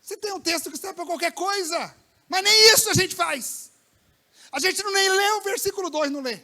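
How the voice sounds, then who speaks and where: A man preaching a lively sermon to young people in a church service, colloquial and slangy, swinging between loud bursts and hushed lines. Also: very high voice, brisk. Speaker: pastor. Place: church service with a live congregation.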